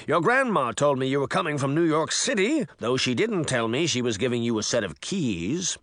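A man's voice: medium pitch, sing-song, moderate pace, a bit bright, dry recording, studio quality. A man voicing a vain, theatrical magic mirror that brags and sulks in a showy way. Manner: pompous, showy bragging.

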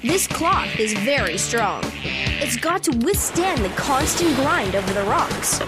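A woman's voice: high voice, big pitch swings, unhurried. A woman reading scripted educational narration in simple, short explanatory sentences addressed to the listener. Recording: loud music bed under voice.

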